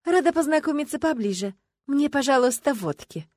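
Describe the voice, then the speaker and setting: In an audiobook, a woman reads as a tipsy brunette flirt with a high, swooping voice, loud and mocking. The sound is dry and close. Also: lively intonation, normal speed, dry recording. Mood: tipsy, teasing. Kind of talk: audiobook character reading.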